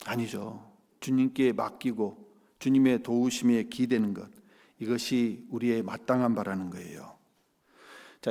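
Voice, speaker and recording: Lively male preacher in a reverberant church. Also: mid-range voice. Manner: lively preaching with rhetorical questions to the congregation. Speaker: pastor. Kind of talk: sermon. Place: church sanctuary.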